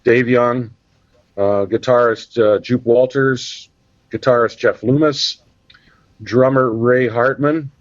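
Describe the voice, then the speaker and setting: This casual interview features a Canadian podcast guest who chats and wanders off on tangents, filling gaps with fillers. His mid-range voice comes through with no room sound, and the audio is dull and dry.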